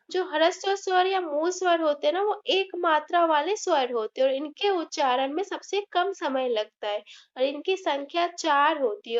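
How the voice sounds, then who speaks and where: A woman teaching a grammar lesson, asking questions and answering them herself. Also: extremely high pitch. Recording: slightly dull lo-fi recording.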